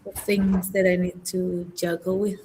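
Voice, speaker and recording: On a video call, a young Indonesian university student and trainee teacher practices casual English, pausing to think and often correcting herself. Her voice is on the low side and mellow, with little pitch movement and a measured pace; a little hiss or hum is audible.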